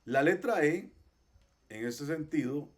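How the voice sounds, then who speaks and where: A man's voice: fairly high pitch, expressive. Patient man teaching a language class. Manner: patient, repeats examples slowly. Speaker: Hebrew teacher. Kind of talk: online class.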